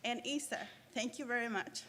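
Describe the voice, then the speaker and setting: Earnest Salvadoran woman in a reverberant hall. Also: on the high side. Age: 30s. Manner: earnest, halting with restarts. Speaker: graduating student speaker. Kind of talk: prepared ceremony speech. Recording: reverberant hall, faint noise.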